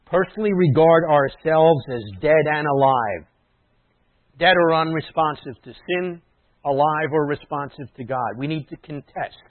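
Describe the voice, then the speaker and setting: A man preaching a sermon in a teacherly way, explaining words and dropping into quiet asides. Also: fairly high pitch, a little slow, dry recording. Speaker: messianic rabbi preaching. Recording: dry tinny phone-like sound.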